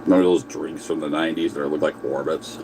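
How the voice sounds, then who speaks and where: A man's voice: very deep voice, steady tone, brisk, background noise. A man chatting casually on a livestream while eating, answering viewer comments and talking with his mouth full. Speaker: livestream host.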